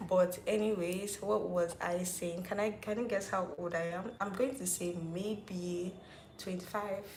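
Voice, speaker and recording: On a live Q&A stream, a Nigerian woman in her twenties casually works through viewer comments, often saying "like." Her voice is low, steady and somewhat dark, moving a little slowly. Slight background noise and a roomy echo come through.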